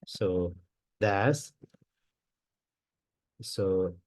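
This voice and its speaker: Man teaching pali really slowly, counts syllables out loud, dry close sound. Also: sits low, no room sound. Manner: counts syllables aloud one by one, many pauses and fillers. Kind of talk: slow explanatory lesson.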